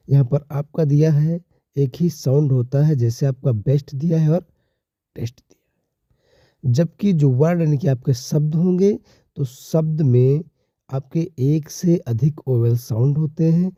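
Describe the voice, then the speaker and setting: A man teaching a slow, deliberate lesson who keeps addressing his viewers as companions. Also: fairly high pitch, mellow, no echo. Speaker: English teacher. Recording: dull lo-fi recording.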